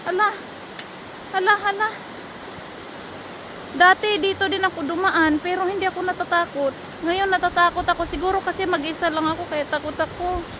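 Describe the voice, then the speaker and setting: Giggly high-voiced woman vlogging outdoors. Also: background noise. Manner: excitable, giggly, exclaims often. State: nervous and shaky on a bridge. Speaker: travel vlogger. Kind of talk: casual vlog narration. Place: outdoors by a waterfall. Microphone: handheld phone. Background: rushing waterfall.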